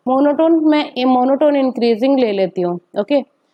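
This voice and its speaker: A woman's voice: high voice, animated, normal speed. Woman teaching maths, lo-fi sound. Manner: explains step by step with frequent rhetorical questions and "okay". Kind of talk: whiteboard maths lecture.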